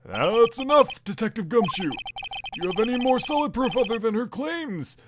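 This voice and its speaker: A man's voice: extremely high pitch, lively intonation, normal speed, heavy background noise, voice pushed up. A man voicing a cool, mocking male prosecutor who questions sharply, with game music behind. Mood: cold.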